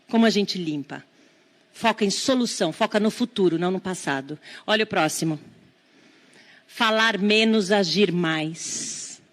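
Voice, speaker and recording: A middle-aged Brazilian woman giving a live lecture on parenting, lively and drawing the audience in with questions. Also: mid-range voice. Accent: Brazilian Portuguese. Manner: lively, engages the audience with questions and quick asides.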